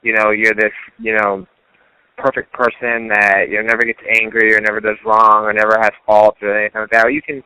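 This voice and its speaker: A man's voice: on the low side, completely flat delivery, brisk, sharp tone, clean tone, dry recording, poor audio. A man being interviewed as a fighter, earnest, filling his talk with "you know" and restarts. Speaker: fighter guest. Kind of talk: casual interview.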